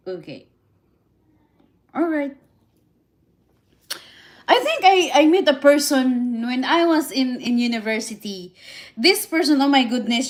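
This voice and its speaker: On her live stream, a woman from the Philippines replies to viewer comments in casual, halting English, often restarting her sentences. Her Filipino accent reflects her first languages, Visayan and Tagalog, and her voice is high.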